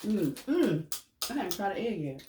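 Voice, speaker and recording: A woman's voice: medium pitch, sing-song, moderate pace, dark tone. A woman chatting casually while eating in a mukbang, chewing noisily and murmuring between bites. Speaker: mukbang co-host. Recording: roomy, distant mic with noise and clicks.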